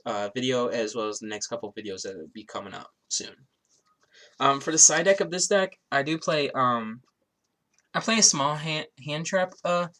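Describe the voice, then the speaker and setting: A man with a bright, forceful, mid-range voice casually talks through a card game deck. He is slightly unwell, with a stuffy nose and sore throat, and his speech rambles, full of fillers and frequent restarts.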